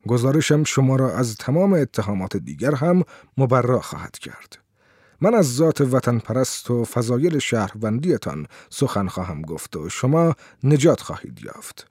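A man's voice: medium pitch, big pitch swings, a little mellow, no echo, clean studio sound. A man reading a sly, oily revolutionary prosecutor. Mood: silky. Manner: oily, silky menace. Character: scheming male revolutionary prosecutor, smooth-tongued. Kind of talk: audiobook character reading.

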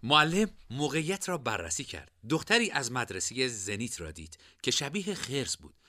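A man narrating a novel in an expressive storytelling manner. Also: medium pitch, no echo, clean studio sound.

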